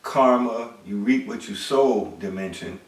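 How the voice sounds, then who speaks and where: A man's voice: fairly low pitch, a little slow, far from the mic. A middle-aged man delivering an emphatic monologue lecture, posing rhetorical questions and repeating words. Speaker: commentator. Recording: echoey room, away from the mic.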